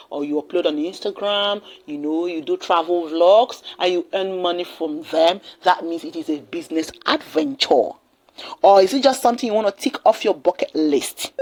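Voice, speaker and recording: A Nigerian woman hosts a direct-to-camera explainer, her pitch swinging widely as she stresses each point. She repeats herself for emphasis and keeps checking in with the viewer. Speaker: video host.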